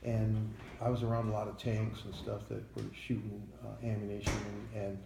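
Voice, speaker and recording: Gravelly old American veteran remembering. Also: male voice, on the low side, monotone. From United States. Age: 70s or older. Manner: old veteran remembering, halting and plain-spoken. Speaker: Vietnam-era army veteran being interviewed. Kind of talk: veteran interview, recalling memories. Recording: echoey room, faint background noise.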